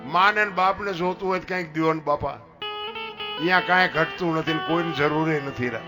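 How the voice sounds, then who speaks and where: Male folk storyteller, high and rustic, teases the crowd, music behind. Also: moderate pace. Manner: rustic, lively, teasing storyteller who asks the crowd questions. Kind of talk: humorous folk talk to an audience.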